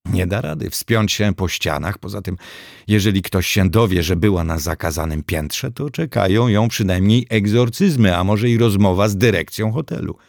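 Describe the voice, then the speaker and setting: A man's voice: fairly low pitch, moderate pace, creaky, a little mellow, no room sound. A man narrating an audiobook with a dry, wry delivery.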